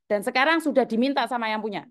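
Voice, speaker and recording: Scolding high-voiced woman host. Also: fast talker. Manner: scolding, insistent, repeats "loh" often. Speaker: host taking callers. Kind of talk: heated call-in chat.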